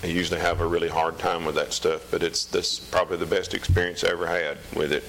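In a rough recording with a little hiss or hum, a Southern-accented pastor speaks in a low, level, slightly bright voice. His informal sermon to the congregation includes scripture reading, delivered folksy and conversational, with hesitant pauses.

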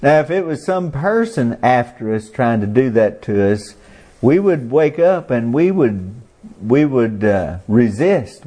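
A man's voice: medium pitch, warm tone. A man preaching a sermon in a folksy way, asking the congregation questions and chuckling.

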